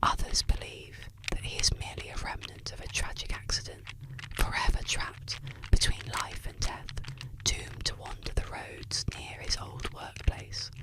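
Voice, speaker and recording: A soft, breathy whispered ASMR narration of eerie folk legends, delivered slowly and soothingly to help listeners sleep. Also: poor audio.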